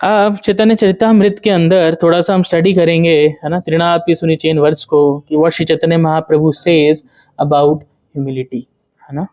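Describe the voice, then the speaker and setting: A man giving a devotional lecture, asking rhetorical questions and chanting verses slowly. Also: on the high side, level tone, darkish tone. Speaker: spiritual teacher.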